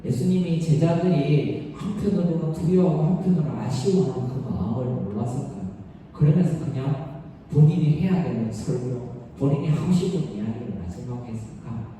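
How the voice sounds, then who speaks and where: In an echoey hall, recorded on a distant mic with faint noise, a man preaches to young people in a casual, blunt, slangy style, posing rhetorical questions and acting out quotes. His tone is warm, his voice a little high and a little fast.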